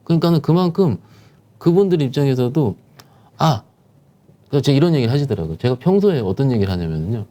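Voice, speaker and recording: A man's voice: medium pitch, big pitch swings, fast, pauses often, warm tone. A man, a securities firm manager, explaining stock market conditions as a guest, emphatic and posing rhetorical questions.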